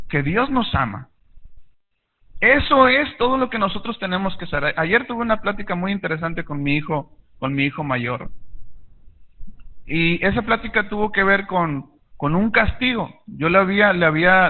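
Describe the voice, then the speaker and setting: High-voiced man preaching, tinny audio. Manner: earnest preaching with call-and-response. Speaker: pastor. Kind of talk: sermon. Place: church.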